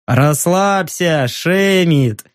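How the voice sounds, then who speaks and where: A man voicing a smug, menacing former dockworker in an audiobook, taunting slowly and slyly. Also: a little high, clear, resonant tone, no room sound, studio quality. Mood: mocking. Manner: slow, taunting and sly. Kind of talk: audiobook narration.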